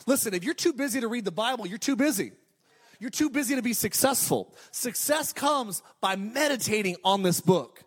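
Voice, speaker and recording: Delivering a sermon, a pastor in his thirties speaks in a high, bright-edged voice and preaches with energy. He stacks repeated declarations and drops in quick joking asides before driving his point home.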